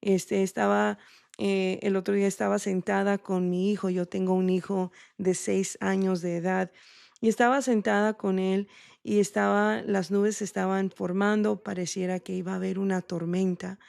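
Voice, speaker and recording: A woman giving a devotional teaching, earnest, slow and prayerful, with frequent restarts. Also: medium pitch, level tone, gravelly, darkish tone, no echo, clean studio sound. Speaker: podcast host sharing a devotional.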